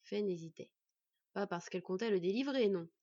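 A woman narrating a fantasy story in a measured storytelling way. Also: mid-range voice, warm tone, no room sound. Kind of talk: scripted narration. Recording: dry, slightly dull recording.

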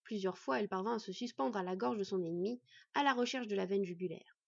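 A woman narrating a fantasy story in a measured storytelling way. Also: mid-range voice, vocal fry, slightly rough, dry recording. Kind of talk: scripted narration. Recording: dry, slightly dull recording.

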